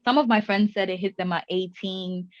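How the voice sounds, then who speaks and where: A woman's voice: mid-range voice, fairly even intonation, normal speed, no room sound, highs cut off. A woman in her twenties, a podcast host talking things through in casual chat and asking probing questions. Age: 20s. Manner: reflective, asks probing questions.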